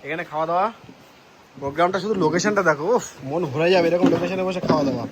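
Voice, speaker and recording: High-voiced excited male travel vlogger. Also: racing, very noisy. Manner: chatty and excited, talking to viewers. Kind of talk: casual travel vlog narration. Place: outdoors by a mountain river.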